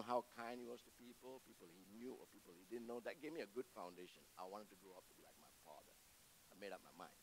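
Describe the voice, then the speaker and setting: A man's voice: on the low side, slight background noise, rough recording. A man, giving a personal testimony to a church congregation and telling his story with humorous asides. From Malaysia. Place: church before a live congregation.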